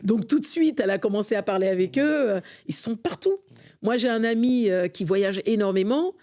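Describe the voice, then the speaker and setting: Speaking at a moderate pace in a mellow, medium-pitched voice, a middle-aged association vice-president from France joins a podcast interview, earnest and passionate though often hesitant.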